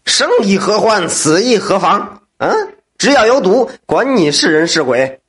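Man playing a loud reckless gambler, high and raging, stammering, husky. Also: animated, moderate pace. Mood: bitter scornful. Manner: shouting, stammering, contemptuous. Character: reckless, hot-tempered male gambler.

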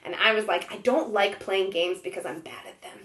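A woman's voice: mid-range voice, brisk, roomy sound, very noisy. A young woman hosting a casual chat, telling a dating story with lots of laughter. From born in Israel, raised in Ohio. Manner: animated storytelling, laughs often.

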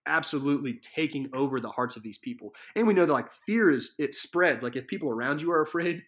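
A man's voice: on the high side, animated, fast talker, a bit bright. Earnest man teaching a Bible passage. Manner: earnest, vivid storytelling with many fillers. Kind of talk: casual devotional teaching. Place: living room.

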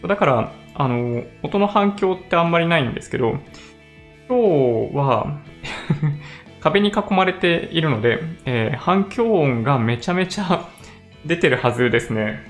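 A man's voice: fairly high pitch, a little slow, soft background music. A man chatting casually to camera in a newly moved-in empty room, his voice echoing off bare walls into a condenser mic. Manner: relaxed, chatty, often laughing. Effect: echoey bare room. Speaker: vlogger. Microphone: condenser mic on a stand.

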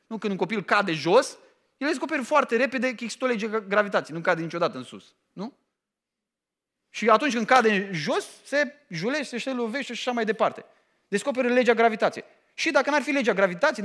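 A middle-aged man preaching a sermon, emphatic and animated, often pausing to ask his listeners questions. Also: high-pitched. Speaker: pastor.

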